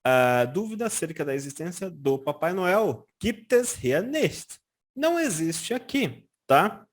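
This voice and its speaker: Lively Brazilian man teaching German. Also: on the high side. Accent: Brazilian Portuguese. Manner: lively, frequent "tá?" check-ins, slow careful German examples. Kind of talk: casual explanatory language lesson.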